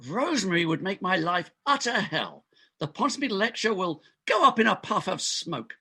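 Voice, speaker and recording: Exaggerating his voice, a man reads the part of a pompous, fed-up hospital doctor in a stage farce, sounding both exasperated and scheming. His delivery is high-pitched and sharp, a little rough, swinging widely in pitch at a moderate pace as he insists indignantly on his points.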